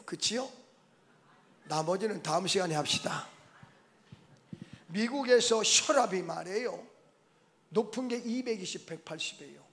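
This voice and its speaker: A middle-aged male pastor preaching a revival sermon in a church sanctuary. His voice sits high for a man, and his animated delivery swings from soft asides to shouted exclamations.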